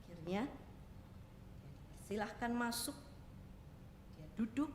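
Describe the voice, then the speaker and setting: A woman's voice: fairly high pitch, lively intonation, takes it slowly, darkish tone. A woman evangelist telling a story in a sermon, often turning to address the congregation. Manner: addresses congregation often, voices characters in quotes. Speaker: evangelist preacher. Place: church hall. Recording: echoey church hall with faint noise.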